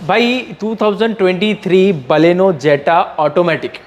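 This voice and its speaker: An Indian man from the Mumbai car trade giving a slick used car salesman's pitch, reeling off models and prices with repeated catchphrases. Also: unhurried, slight background noise. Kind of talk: sales pitch to camera, listing cars and prices.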